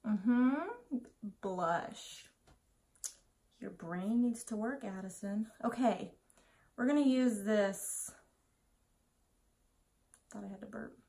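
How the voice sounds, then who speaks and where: Slow, with vocal fry, long pauses, and a dark tone, her medium-pitched voice drifts through a makeup tutorial. She's in her twenties, tipsy from wine, and chats casually and scatterbrained in a small room at home, muttering self-deprecating asides.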